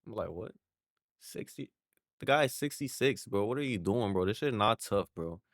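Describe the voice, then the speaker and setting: A man's voice: lowish voice, lively intonation, a little fast. Slangy young man reacting, "bro" every line. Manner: slangy, says "bro" constantly, heated outbursts. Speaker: reaction video host. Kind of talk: casual reaction commentary.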